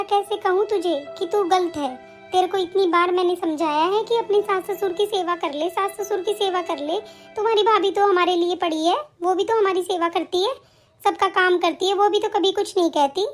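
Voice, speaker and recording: A woman voicing a stern mother who scolds her daughter and preaches about duty in an animated story. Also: very high-pitched, moderate pace, soft background music. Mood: preachy. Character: stern moralizing mother of grown children.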